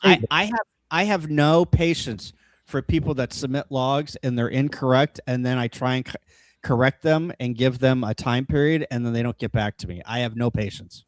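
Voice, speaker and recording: As a guest in a casual panel chat, a man explains amateur radio contests bluntly and with strong opinions. His voice sits in the mid range at normal speed, with no room sound.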